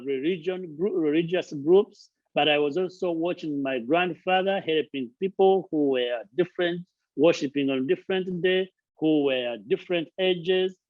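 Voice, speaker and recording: A slightly high male voice with phone-quality sound and no echo belongs to a charity founder and channel host from Uganda. Indoors at a friend's house, he gives an earnest motivational talk, pressing his points by listing and repeating words.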